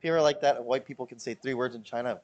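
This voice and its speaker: Rapid-fire and a little mellow, the man comes through a muffled recording with faint music behind him. He's a Chicagoan with a Midwestern accent streaming from the Philippines, chatting casually and jokingly, rambling, repeating himself and putting on high voices to imitate people.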